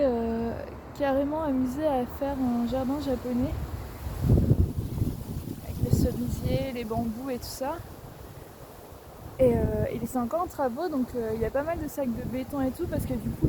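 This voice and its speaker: A woman from France vlogging outdoors in a garden park, chatty and hesitant with lots of fillers. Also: high voice. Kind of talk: casual vlog narration. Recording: outdoor wind noise.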